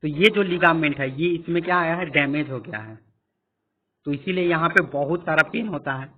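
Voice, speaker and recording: Brief: male teacher, somewhat high voice, repetitive explanatory lecture style, phone-quality sound. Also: moderate pace. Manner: explanatory, repeats points and quizzes listeners. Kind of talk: classroom lecture with screen annotation. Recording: tinny phone-like audio.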